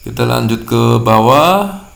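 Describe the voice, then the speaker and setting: Slow gravelly guy teaching, repeats every word patiently. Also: mid-range voice, expressive, fairly bright tone, roomy sound. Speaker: Korean language teacher. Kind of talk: classroom-style lesson explaining vocabulary.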